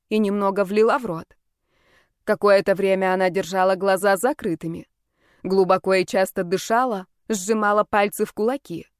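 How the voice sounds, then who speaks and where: A woman reading a first-person audiobook with an even, expressive delivery. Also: medium pitch, dry recording, studio quality. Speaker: audiobook narrator.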